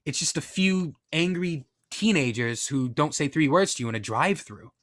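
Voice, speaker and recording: A man's voice: a little high, animated, normal speed, a bit bright. A young man from the Northeastern US casually telling a personal story, candid and self-deprecating, with rambling asides. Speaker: podcast storyteller.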